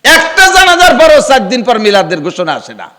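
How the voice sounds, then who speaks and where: A male preacher gives a humorous sermon, teasing his listeners with rhetorical questions and sometimes rising to a shout. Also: extremely high pitch, huge pitch swings, fairly quick, big-room sound, noisy background.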